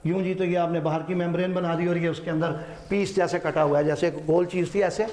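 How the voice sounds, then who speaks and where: Man, science teacher, high voice, repeats key terms, roomy echo. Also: steady tone, brisk, a little mellow. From Pakistan. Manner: repeats terms, checks in with "ठीक है"; mixes English terms into Urdu. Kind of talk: classroom biology lecture.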